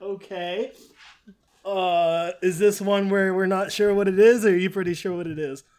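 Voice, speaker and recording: A woman's voice: mid-range voice, fairly even intonation, normal speed, darkish tone. A woman co-hosting a podcast in casual banter, with a jokey manner that tips easily into laughter. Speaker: podcast co-host.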